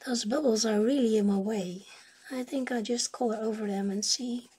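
A woman with a slightly high, husky voice chats casually as she colours on a livestream. Her remarks are unhurried and tend to trail off into a murmur. A pencil scratches on paper as she talks. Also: a little mellow. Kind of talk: casual livestream chat while drawing. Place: indoors at a drawing desk. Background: pencil scratching on rough paper.

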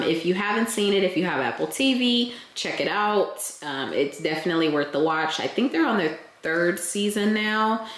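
A young woman with a slightly raspy, hoarse voice, chatting casually to her vlog camera at home with lots of ums. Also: on the low side, reverberant. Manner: chatty, relaxed, frequent ums. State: recovering from illness, a bit hoarse. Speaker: vlogger. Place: at home, indoors.

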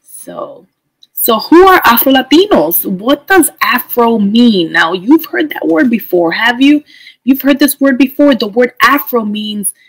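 Husky woman teacher from the Dominican Republic. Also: on the high side, lively intonation, a little slow, rough recording. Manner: chatty, explaining step by step with questions to the viewer. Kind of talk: educational video presentation.

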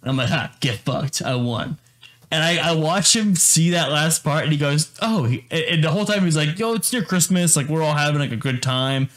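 A man's voice: on the high side, expressive, a little fast, hardly any pauses, fairly bright tone. A young man co-hosting a casual podcast, telling a story and acting out quotes with lots of repeated words. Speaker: podcast co-host.

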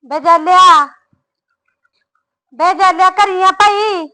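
A woman playing a fretful, sharp-tongued village woman with a Punjabi accent, who scolds, calls out loudly and frets about gossip. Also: fairly high pitch, a little fast, no room sound, natural voice. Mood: scolding. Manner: scolding, anxious about gossip, loud when calling. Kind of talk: comic short-film acting.

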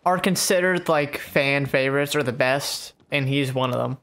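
Gamer guy co-hosting a let's play, rambly, laughs a lot, mid-pitched. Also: fairly bright tone. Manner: rambling, laughing, drawn-out tangents. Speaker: let's play co-host, player. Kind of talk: casual gameplay chat.

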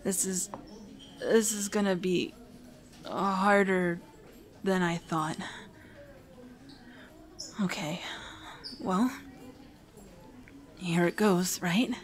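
A woman plays a shy, nervous teenage hero-in-training in a romantic audio roleplay, stammering, apologizing and rambling anxiously. Her voice is fairly low and steady, with drawn-out words and long pauses.

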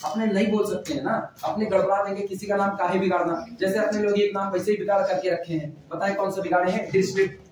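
A man's voice: sits high, fairly even intonation, quick pace, hardly any pauses, a little mellow, a little hiss or hum. A man teaching math in a classroom, chatting and repeating phrases as he dictates notes. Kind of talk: classroom lecture. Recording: echoey room, mic far off.

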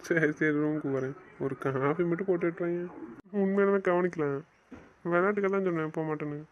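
A man's voice: a little high, fairly even intonation, quick pace, a little hiss or hum, close to an everyday voice. A young man acting an easygoing husband who speaks mildly and placatingly, puzzled by the fuss. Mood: teasing. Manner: mild, placating, bewildered. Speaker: bewildered husband. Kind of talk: amateur web drama acting. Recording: dull lo-fi recording.

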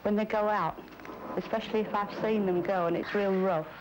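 A woman's voice: medium pitch, steady tone, a little fast. A woman giving informal interview answers as a crewman's wife. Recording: faintly noisy old film sound.

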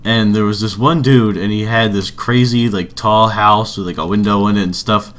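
A man's voice: fairly low pitch, steady tone, normal speed, fairly bright tone. A young man giving informal, rambling commentary on a game build, as a video creator.

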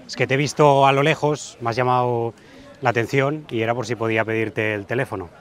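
A young man from Barcelona approaching strangers in a park with polite, smooth, cheesy pickup lines. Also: medium pitch, fairly even intonation, brisk.

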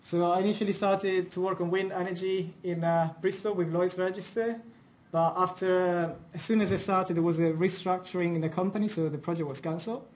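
A young Italian man with an Italian accent presents his research informally at a university academic seminar, using many fillers and restarts. His high, darkish voice stays steady in tone and moves fairly quickly.

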